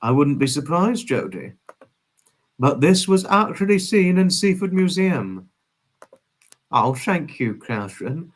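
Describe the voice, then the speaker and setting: Speaking slowly and pausing often, a man in his twenties hosts a casual livestream, reading and replying to viewers. He is effusively polite and wordy, frequently repeating phrases. His fairly high voice swings widely in pitch.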